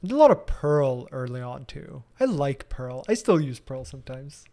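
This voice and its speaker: A man's voice: medium pitch, very animated, normal speed, creaky, dark tone. A man in his thirties answering viewer questions casually in a live stream, thinking aloud with frequent ums and restarts. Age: 30s.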